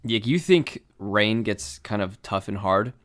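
A young man telling a story in casual chat, animated and swearing, full of fillers. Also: lowish voice, unhurried.

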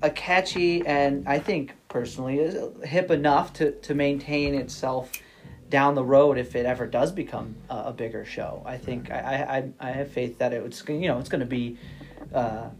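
A man speaking at an ordinary middle pitch, chatting casually as a podcast guest. He rambles, restarts his sentences and repeats words. He often tags his points with "you know what I mean.". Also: fairly even intonation, moderate pace, slight background noise. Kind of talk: casual interview chat.

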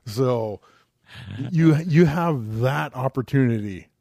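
Guy cohosting a podcast, medium voice, gets excited and cusses a lot, dry close mic. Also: mid-range voice, takes it slowly, no echo. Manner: excitable, swears freely, acts out quotes. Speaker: podcast co-host. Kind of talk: casual chat.

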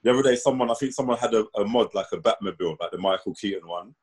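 A man's voice: fairly low pitch, very fast. A man with a London roadman accent chatting casually and telling stories in urban slang. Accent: London roadman, multicultural urban slang. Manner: slangy, animated storytelling with 'bro' and 'man'. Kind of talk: casual group chat.

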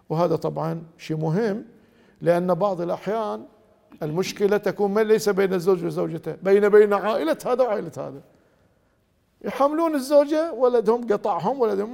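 A man's voice: high-pitched, creaky, big-room sound. A man with a Gulf Arabic accent giving a religious lecture on marriage, acting out quoted husbands and wives as he goes. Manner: acts out quoted spouses in lively dialogue.

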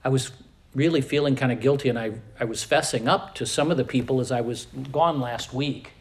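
A man's voice: medium pitch, a little fast. An older man preaching a sermon, telling stories earnestly and building to fervent emphasis.

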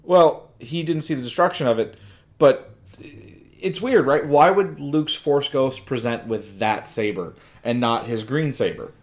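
A man co-hosting a casual film review podcast, talking in a relaxed, agreeable way. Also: mid-range voice, measured pace. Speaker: podcast co-host.

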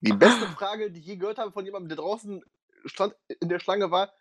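Mocking young man, slightly high voice. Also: a bit bright. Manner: mocking, quick rants, imitates guests in a raised voice. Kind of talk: casual chat.

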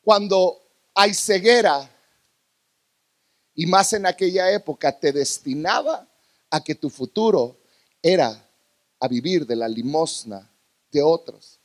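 A man preaching a sermon to a congregation in a church, dramatic, swinging from loud bursts to hushed lows. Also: expressive, slow, pauses often.

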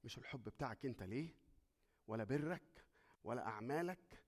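A man with an Egyptian Arabic accent preaching a sermon. He swings between hushed, intimate talk and loud, fervent preaching, and asks and answers his own questions. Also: medium pitch, lively intonation, fairly quick.

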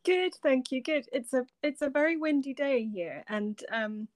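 Higher-voiced woman chatting as podcast guest. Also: moderate pace, no echo, studio quality. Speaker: podcast guest, journalist and cookbook author. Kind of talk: casual interview chat. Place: shed.

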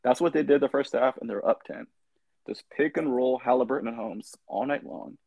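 A man's voice: mid-range voice, fairly quick, creaky, no room sound, highs cut off. A man co-hosting a casual sports podcast, talking in a loose, rambling way. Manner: loose and rambling, frequent restarts. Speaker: podcast co-host.

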